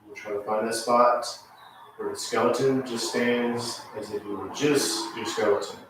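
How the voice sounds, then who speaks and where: A man's voice: medium pitch, steady tone, normal speed. A man guiding yoga and meditation as an instructor, speaking in short, spaced-out instructional phrases. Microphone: distant microphone. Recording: echoey room, distant mic, faint noise.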